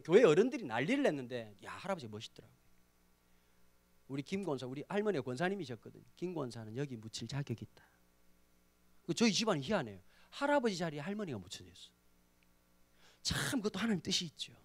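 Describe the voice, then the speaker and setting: A man preaching to a youth congregation, animated and full of rhetorical questions. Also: sits high. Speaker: pastor. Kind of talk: youth sermon. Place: church service.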